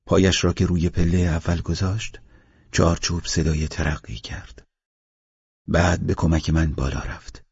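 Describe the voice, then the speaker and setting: A man narrating a literary audiobook in a calm, measured reading voice with a husky tone. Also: low voice, dry recording, muffled recording.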